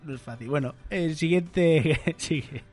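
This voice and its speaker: A man's voice: fairly high pitch, a little slow, soft background music. A man co-hosting a podcast in casual chat, reading listener comments aloud in a jokey way. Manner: animated, jokey, reads messages aloud. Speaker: podcast co-host.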